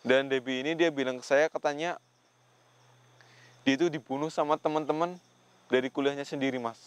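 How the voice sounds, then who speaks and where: During a paranormal investigation vlog, the male host earnestly addresses both a spirit and those watching, saying "Mas" over and over. He talks a little fast in a steady, medium-pitched voice with a clean tone.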